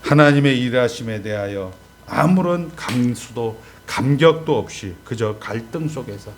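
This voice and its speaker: A male pastor, delivering an animated sermon and prompting the congregation to repeat after him. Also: medium pitch, a little slow, slight background noise.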